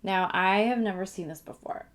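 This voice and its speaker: A woman leading a calm grounding exercise in a casual, conversational instructional way, gently thinking aloud. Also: medium pitch, moderate pace, slight background noise. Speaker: instructor demonstrating a grounding technique.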